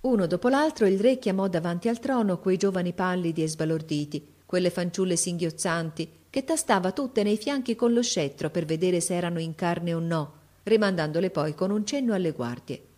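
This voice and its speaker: Brief: female storybook narrator, lowish voice, measured and expressive.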